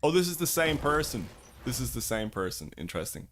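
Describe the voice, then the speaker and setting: A man's voice: medium pitch, very animated, fairly quick, fairly bright tone, a little hiss or hum. A man casually commenting on his own card game as he plays live, thinking aloud and greeting viewers in chat. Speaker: streamer and YouTube host.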